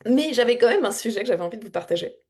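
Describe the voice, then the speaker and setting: A woman spiritual coach talking casually and reflectively to her audience, wandering through her thoughts with frequent repeated words, soft laughs and heartfelt emotion. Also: on the high side, animated, rapid-fire, breathy edge. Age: adult with a child. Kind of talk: casual spontaneous reflective talk.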